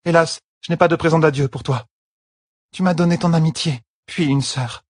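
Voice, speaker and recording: A man's voice: a little high, moderate pace, no room sound, studio quality, pitched above the performer's own voice, natural voice. A man reading an audiobook, voicing a dignified young warrior woman with a formal, ceremonious way of speaking. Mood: solemn.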